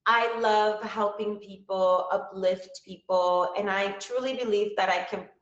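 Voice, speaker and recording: A woman's voice: mid-range voice, fairly even intonation, unhurried, echoey room, highs cut off. A woman from Cuba hosting a live-stream talk show, chatty and upbeat, often checking in with viewers. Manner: chatty, upbeat, keeps saying okay to viewers. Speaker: livestream show host.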